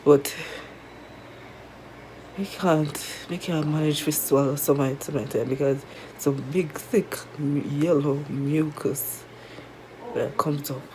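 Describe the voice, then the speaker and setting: A woman with a Jamaican accent chats casually to viewers in a halting, weary way, her throat sore and mouth dry after tonsil surgery. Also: deep voice, fairly even intonation, noisy background. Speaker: vlogger. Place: resting at home in bed.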